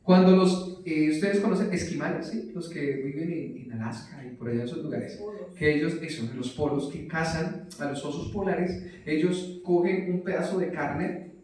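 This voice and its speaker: Animated preacher in an echoey hall. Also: male voice, fairly high pitch, moderate pace. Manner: animated, rising to loud exclamations and dropping to soft asides; questions the congregation often. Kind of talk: sermon. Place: church hall. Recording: echoey hall, mic at a distance.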